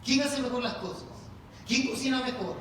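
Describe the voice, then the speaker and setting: In a large, echoey church hall, with the mic set at a distance, a male pastor preaches to his congregation. His voice is extremely high and a bit bright, at a moderate pace, with a little hiss or hum. He fires off rhetorical questions and calls his listeners "brother," addressing them as "hermano."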